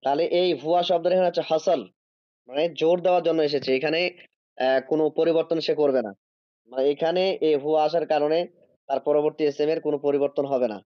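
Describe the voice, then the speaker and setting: A man's voice: fairly high pitch, steady tone, no echo, lo-fi sound. A man teaching an online Arabic grammar class, explaining step by step, drawing out each Arabic word as he reads it, and checking whether students follow. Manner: drawn-out reading of Arabic words.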